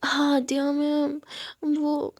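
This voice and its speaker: A woman voicing a tipsy, clingy young woman student who pleads in a whiny, stammering, drawn-out way. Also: high-pitched, completely flat delivery, darkish tone, dry recording, studio quality, exaggerated voice. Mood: whiny pleading.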